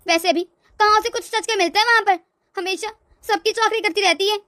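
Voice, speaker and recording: A woman's voice: extremely high pitch, a little fast, pushed and bright, no echo, studio quality. A woman voicing a bossy, scornful older mother-in-law in a cartoon, nagging and haughty. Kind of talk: cartoon voice acting.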